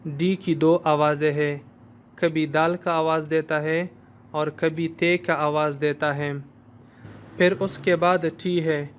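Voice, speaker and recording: A male language teacher giving a slow, explanatory recorded lesson and modeling sounds for learners to repeat. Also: fairly high pitch, little pitch movement, slight background noise.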